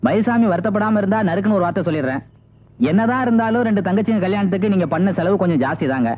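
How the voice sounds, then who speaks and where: A plain-spoken village friend with a teasing way of talking, brisk and a little high-pitched. The recording is thin and phone-like, with a faint background hum. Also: male voice, expressive. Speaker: film actor. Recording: tinny lo-fi film soundtrack.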